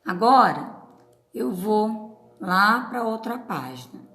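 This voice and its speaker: A patient woman teacher with a Paraná Portuguese accent, drawing out syllables for children. Her voice is bright, lively in pitch, and unhurried. It is recorded in an echoey room. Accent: Brazilian Portuguese from Paraná. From Paraná, Brazil. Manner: patient, drawn-out syllables, frequent "tá?". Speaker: schoolteacher. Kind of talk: recorded remote class for children.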